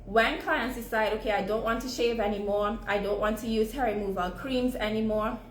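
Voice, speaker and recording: A woman's voice: a little high, fairly even intonation, brisk. Trinidadian woman teaching, roomy echo. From Trinidad and Tobago. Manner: conversational, often adds "right?" as a tag. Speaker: sugaring educator. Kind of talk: live online teaching session. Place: home at evening, live stream. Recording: roomy echo, faint background noise.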